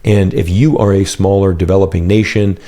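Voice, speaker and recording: A man from the United States, a guest in an interview, explaining his views fluently with many "you know" fillers, recorded on a boom mic in a home office. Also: steady tone, fairly quick, mellow. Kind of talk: casual interview answers. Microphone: headset and boom mic.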